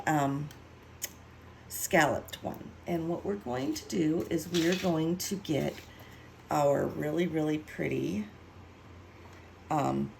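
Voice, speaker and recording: A woman with a deep, creaky, darkish voice gives a casual card-making tutorial, chatty and self-mocking as she thinks aloud while working. The audio is poor, with a little hiss or hum.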